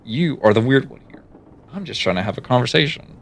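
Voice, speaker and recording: A man's voice: lively intonation, a little fast. A man voicing a sardonic dead man. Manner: sardonic, mutters low. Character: gloomy dead man with a knife in his ribs.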